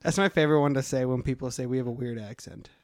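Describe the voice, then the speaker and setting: A man's voice: mid-range voice, no echo, clean studio sound. A man from Wisconsin with a Wisconsin accent, co-hosting a podcast in casual, teasing chat and laughing often. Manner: bantering, quick to laugh, teasing. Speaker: podcast co-host.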